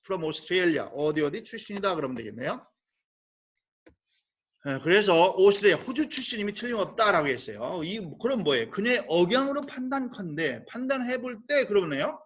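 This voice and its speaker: A male teacher walks through English grammar step by step, with a high voice that rises and falls in lively swings. He keeps asking rhetorical questions and then slows down to spell out English phrases carefully. The recording sounds dull and lo-fi. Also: slightly rough.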